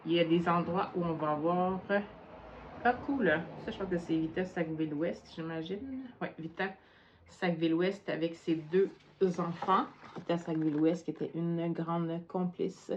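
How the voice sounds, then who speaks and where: A woman's voice: fairly low pitch, measured pace, lo-fi sound, a little hiss or hum. A tired woman with a Quebec French accent chatting hesitantly at home in a casual book vlog, with many fillers. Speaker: book vlogger.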